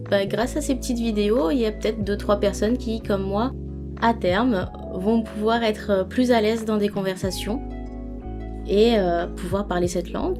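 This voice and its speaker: A woman giving a casual language lesson, reading out word lists and glossing each item, friendly and encouraging, with frequent fillers. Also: a little high. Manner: reads word lists with French glosses, pausing between items. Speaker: language teacher.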